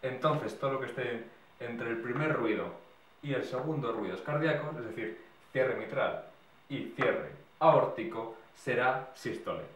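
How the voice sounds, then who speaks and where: A man's voice: mid-range voice, unhurried, a little hiss or hum. A man giving a medical exam lesson, explaining step by step and recapping in short lists. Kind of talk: explanatory lecture. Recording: echoey room, mic at a distance.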